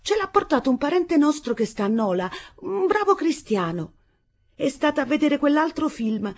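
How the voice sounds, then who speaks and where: A woman's voice: high-pitched, a little mellow, voice pushed up. A woman voicing a timid, naive young bride who pleads in wide-eyed disbelief, in a storybook reading.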